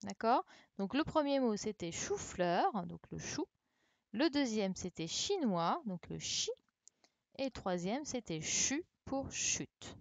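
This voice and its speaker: Woman teacher on a live class stream, patient, repeats the answers, talks slow, no room echo. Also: medium pitch, sing-song, creaky. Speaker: primary school teacher. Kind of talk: online class correction, speaking slowly to children. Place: home, remote livestream. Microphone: computer mic on a live stream.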